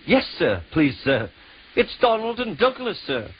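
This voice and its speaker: A small, timid young engine, as a man puts it on, stammers in a high, lively, anxious voice, politeness spilling out. The storybook recording is dull and lo-fi with music underneath. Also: moderate pace, breathy edge, exaggerated voice. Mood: nervous.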